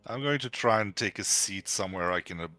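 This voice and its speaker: A man's voice: on the low side, quick pace, pushed and bright, dry recording, faint music behind. A man playing a tabletop game who lays out his character's actions step by step. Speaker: player.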